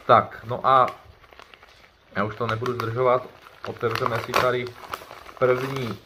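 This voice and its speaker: A man's voice: medium pitch, flat delivery, heavy background noise. A man chatting casually as he unboxes items for his vlog, rambling and correcting himself as he goes. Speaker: YouTuber doing an unboxing.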